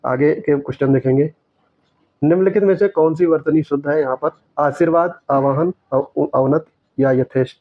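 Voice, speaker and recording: A man teaching, going through exam questions and correcting each answer step by step, repeating the right words slowly. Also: a little high, no room sound. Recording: dry, dull lo-fi sound.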